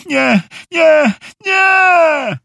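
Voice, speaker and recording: A man voicing a sulky, panicky schoolboy in an audiobook, with high whining protests. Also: big pitch swings, very slow, creaky, pushed and bright, dry recording, clean studio sound, exaggerated voice. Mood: despairing. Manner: whiny, wailing protests.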